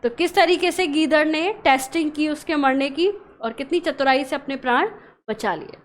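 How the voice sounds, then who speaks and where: A woman's voice: high-pitched, moderate pace. A woman teacher reading a lesson story to children and explaining each scene plainly.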